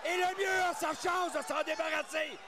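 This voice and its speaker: A man with a Quebec French accent giving excited, emphatic live boxing commentary, often shouting. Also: very high-pitched, normal speed, very noisy. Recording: loud arena crowd behind commentary.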